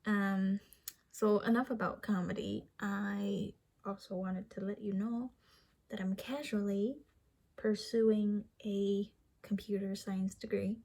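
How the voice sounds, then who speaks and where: A young vlogger with a light Vietnamese accent talks to the camera in a relaxed, rambling, self-deprecating way, often restarting sentences and laughing a little. Her middle-pitched voice is slightly breathy, husky and a bit mellow, with fairly even intonation and a slow pace.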